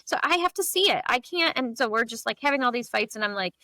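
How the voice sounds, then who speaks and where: A woman's voice: a little high, lively intonation, quick pace, bright, forceful tone, no room sound, poor audio. A woman guest on a podcast, telling her story in a chatty, rambling way. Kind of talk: personal story in conversation.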